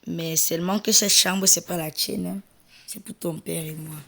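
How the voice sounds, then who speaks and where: A woman voicing a calm, slightly bossy rich mother. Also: fairly low pitch, moderate pace, vocal fry, background noise. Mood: teasing.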